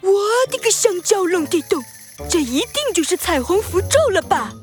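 A woman voicing a plucky, excitable little boy pig hero in a children's audio story, with an eager, childlike delivery. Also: very high-pitched, normal speed, faint music behind. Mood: excited, delighted.

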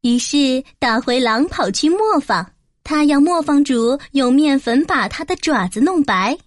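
A woman's voice: high voice, expressive, measured pace, no echo, clean studio sound. Woman reading a children's story.

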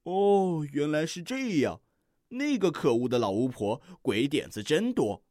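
A little red-beaked bird from a children's storybook asks puzzled questions in a raised, lively voice, as a reader puts her on. The sound is close and dry. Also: mid-range voice, measured pace, dry recording. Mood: wondering. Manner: questioning, wondering. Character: small bird returning to find her friend.

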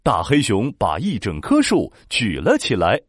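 Guy reading a kids story, super expressive, dry close sound. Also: fairly low pitch, a little slow, breathy edge, dry recording. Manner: animated, expressive. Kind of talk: children's story narration.

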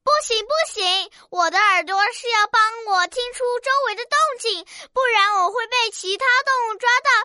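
A woman's voice: extremely high pitch, moderate pace, hardly any pauses, bright, forceful tone, no room sound, studio quality, voice pushed up. Woman doing a wary little storybook rabbit. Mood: worried.

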